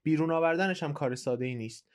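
A man's voice: a little high, lightly acted. A man voicing a stubborn 75-year-old professor who speaks earnestly and insists he is right. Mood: insistent.

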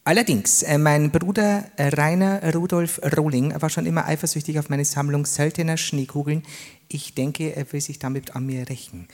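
A man's voice: a little high, fairly even intonation, normal speed, pitched above the performer's own voice, lightly acted. A man voicing a rich, stern male art collector with a dry, solemn delivery, recorded live on stage. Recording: live stage with hall reverb.

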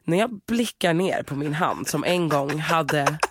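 A woman's voice: low voice, lively intonation, husky, no room sound. Young female podcast host, dramatic storyteller, dry close sound. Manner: dramatic, laughing while telling a story. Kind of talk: animated storytelling.

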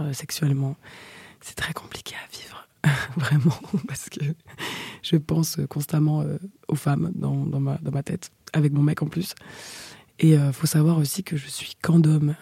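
A young woman chatting frankly into a close mic, her voice husky and breathy, often sinking to a half-whisper between fillers. The tone is dark and mellow, and the room sounds dry and dead. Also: low-pitched, no echo. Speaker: storyteller guest. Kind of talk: casual chat, personal anecdote.

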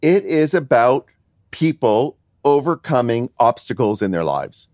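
A man's voice: medium pitch, unhurried, dry recording, studio quality. A middle-aged man co-hosting a podcast as the father, teasing and making puns in joking banter. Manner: pun-loving, teasing, animated.

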